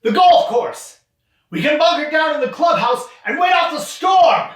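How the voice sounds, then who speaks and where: An actor playing a folksy, teasing older uncle in an audio drama, hamming it up affectionately and mischievously. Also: male voice, very high-pitched, animated, moderate pace, fairly bright tone. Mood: urgent. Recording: very echoey room, distant from mic.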